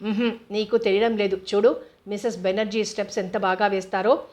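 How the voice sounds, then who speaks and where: A woman's voice: medium pitch, level tone, brisk, darkish tone, natural voice. A woman reading the part of a careless, party-loving husband with a breezy, dismissive manner. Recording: dull lo-fi recording.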